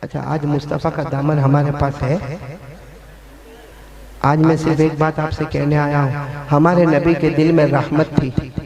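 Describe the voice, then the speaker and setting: Brief: fiery male preacher, high voice, crowd audible, call-and-response sermon. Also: flat delivery, unhurried, long pauses. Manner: rousing, rises to shouting. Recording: crowd heard behind.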